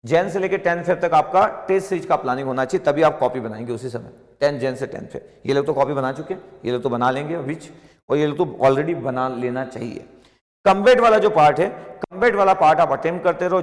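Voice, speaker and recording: A man's voice: on the high side, in a large hall. A man teaching an exam-prep class, speaking emphatically, repeating himself and asking rhetorical questions. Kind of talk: motivational classroom lecture.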